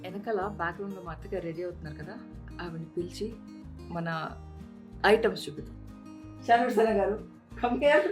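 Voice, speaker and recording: A woman's voice: medium pitch, brisk, pauses often, music in the background. A woman vlogger talking casually and playfully at home, switching into English now and then. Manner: playful, chatty, mixing in English.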